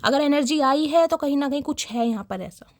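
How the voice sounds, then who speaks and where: A young woman gives her viewers a casual tarot reading, dramatic and chatty, laughing often and calling out to her audience. Her voice is high-pitched, expressive and brisk, with background noise in the recording.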